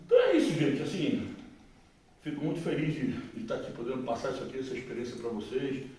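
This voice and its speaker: A Brazilian psychologist giving an informal recovery testimony talk, colloquial and animated, acting out dialogue. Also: male voice, mid-range voice, fast, slight background noise. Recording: echoey room, far from mic.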